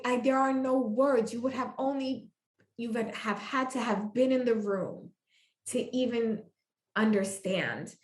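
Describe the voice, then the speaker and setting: A woman with a high voice talks as a podcast guest, emphatic and exclaiming as she tells her story. She leans on repeated phrases for effect. The sound is roomy, with a noticeable echo. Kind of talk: animated faith storytelling.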